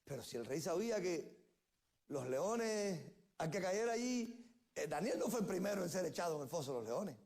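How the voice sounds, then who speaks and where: Pastor guy preaching in church, kinda high voice, repeats his lines for emphasis. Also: very animated, moderate pace, vocal fry, a little mellow. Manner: storytelling preacher, repeats key phrases. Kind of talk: sermon.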